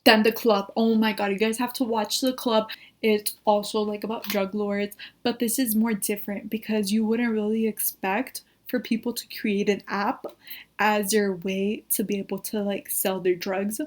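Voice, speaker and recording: A young woman talks to her viewers in a loose, casual chat. She gushes over her favourites, and nearly every phrase is padded with "like". Her voice sits at an ordinary middle pitch for a woman. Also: little pitch movement, moderate pace. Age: young adult. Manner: gushing, says "like" constantly. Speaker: YouTuber reviewing shows.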